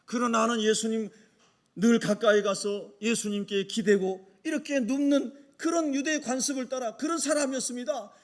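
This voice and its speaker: A man's voice: very high-pitched, steady tone, moderate pace. A man preaching as a humble, hot-tempered Galilean fisherman apostle, making an earnest first-person confession. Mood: grateful.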